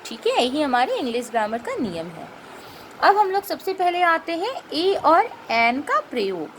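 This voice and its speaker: A woman teaching a grammar lesson. She explains patiently, checks in with rhetorical questions, and spells out and repeats sounds slowly. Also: sits high, sing-song, a bit bright, slight background noise.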